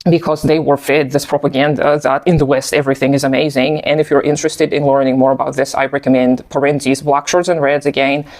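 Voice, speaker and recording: A video essayist in his thirties from a post-Soviet country, whose first language is Russian, offers thoughtful, measured personal commentary in English, with an occasional soft laugh. His voice is mid-range and his tone level.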